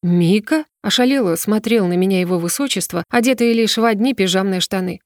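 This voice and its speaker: A young woman narrating a first-person fantasy romance audiobook with an even, steady reading. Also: medium pitch, quick pace, dry recording, clean studio sound.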